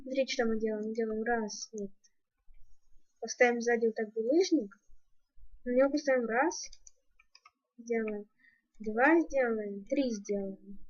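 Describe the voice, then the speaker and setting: A high-voiced woman who hosts a gaming YouTube channel narrates a casual building tutorial as a screen-recording voice-over at home. The sound is lo-fi, and she moves at a measured pace with frequent pauses, thinking aloud and muttering as she counts steps.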